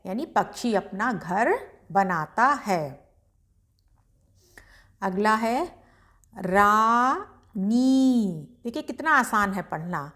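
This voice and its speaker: A woman teaching beginners to read Hindi, sounding each word out slowly before explaining it briskly. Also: medium pitch, fairly bright tone. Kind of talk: slow syllable-by-syllable reading lesson.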